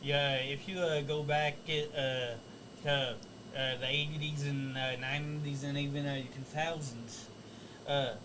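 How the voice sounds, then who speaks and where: A man co-hosting a casual wrestling talk show, speaking haltingly with many filler sounds. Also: on the high side, little pitch movement, noisy background. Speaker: co-host.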